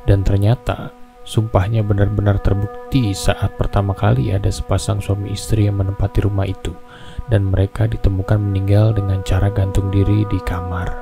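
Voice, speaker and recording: A man's voice: lowish voice, little pitch movement, moderate pace, creaky. A man hosting a horror story reading, telling it in a casual, chatty way with asides to listeners. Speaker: host reading horror stories. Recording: music bed under the voice. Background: background music.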